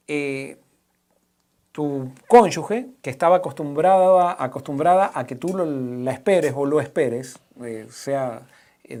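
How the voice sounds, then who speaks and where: Halting pastor, man. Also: fairly high pitch, a little mellow. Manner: halting, with many restarts and fillers, giving everyday examples. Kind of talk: conversational sermon answering a question.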